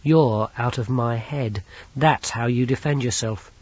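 A man voicing a stern, no-nonsense young governess who speaks in crisp, clipped commands. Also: mid-range voice, measured pace, darkish tone, no room sound, natural voice. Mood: brisk. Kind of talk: audiobook character voice. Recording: dull lo-fi recording.

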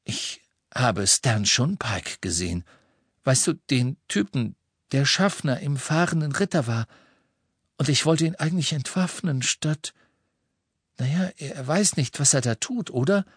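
A man's voice: medium pitch, expressive, a little slow, slightly rough, no echo, studio quality, voice pushed up. A man voicing a shaken, defiant teenage boy wizard arguing his case. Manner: defiant, agitated pleading.

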